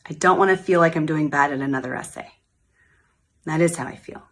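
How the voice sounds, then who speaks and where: A woman's voice: sits low, fairly quick. A woman voicing her worried young daughter, speaking in a repetitive, anxious way. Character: nervous young girl, anxious schoolchild.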